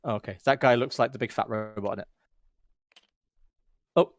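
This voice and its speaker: A man's voice: mid-range voice, moderate pace, dry recording, clean studio sound. A man, joking and swearing as he walks his friends through the rules of a board game over a voice call. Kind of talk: casual gaming chat over voice call.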